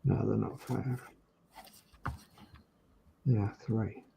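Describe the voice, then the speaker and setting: A man's voice: lowish voice, steady tone, takes it slowly, gravelly, warm tone. A man with a Hull accent giving casual hands-on workbench commentary, often muttering to himself as he works. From England, Hull. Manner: muttering to himself while working. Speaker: hobby model-making demonstrator. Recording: dull, noisy room recording.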